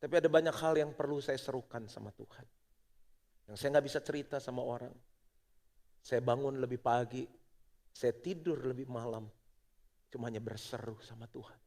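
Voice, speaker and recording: A middle-aged male pastor preaching a sermon, moving between loud exhortation and hushed prayer. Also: mid-range voice, normal speed, long pauses. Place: church auditorium. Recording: long church hall reverb.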